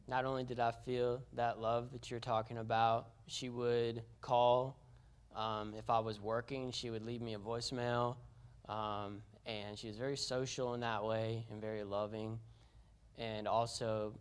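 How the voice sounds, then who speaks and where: A man, the grandson of the deceased, sharing memories at a memorial service in a church, sincere and halting with many fillers. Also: mid-range voice, clear, resonant tone. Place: church sanctuary.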